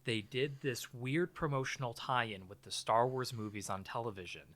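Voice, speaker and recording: A man talks casually as a podcast co-host. His voice has an average male pitch. He banters in a wry way. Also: moderate pace, fairly bright tone. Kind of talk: casual comic chat and film recap.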